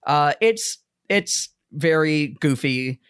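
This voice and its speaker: A man's voice: on the high side, animated, slow, fairly bright tone, clear, resonant tone, no room sound, clean studio sound. A man co-hosting a podcast in a casual chat, rambling, laughing often and swearing freely. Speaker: podcast co-host.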